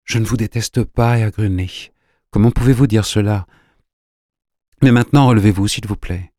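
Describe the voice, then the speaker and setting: A man's voice: on the low side, a little slow, no room sound, clean studio sound, pitched above the performer's own voice. A man reading aloud gives voice to a distraught young woman who refuses a suitor, tearful and pleading. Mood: consoling.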